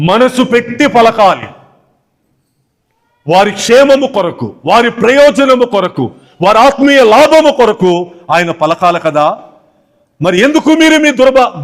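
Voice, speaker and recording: High-voiced pastor preaching emphatically. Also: male voice. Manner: emphatic, repetitive preaching with rhetorical questions. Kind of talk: sermon. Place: church watch night service.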